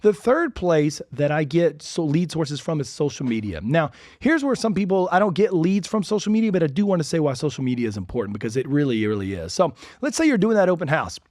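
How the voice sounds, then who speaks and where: A man hosting a real estate podcast, talking in an energetic, chatty way full of asides. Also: a little high, a little fast, few pauses, no room sound. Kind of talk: casual instructional podcast talk.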